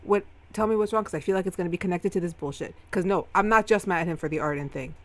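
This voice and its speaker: A woman game master voicing a furious man who berates the party, shrill and swearing. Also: quick pace, fairly bright tone.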